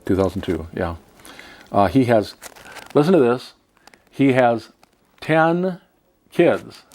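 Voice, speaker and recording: A talk show host reads a profile aloud slowly, his mid-range voice a little mellow yet swinging widely in pitch. He's chatty, tossing in asides and laughing often between lines.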